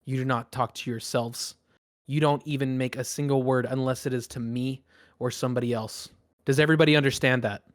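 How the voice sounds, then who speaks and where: A man voicing a cruel, domineering male pirate captain who barks orders and makes quiet threats. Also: medium pitch, fairly even intonation, a little fast, dry recording, clean studio sound, natural voice. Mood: commanding. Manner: barking commands, menacing.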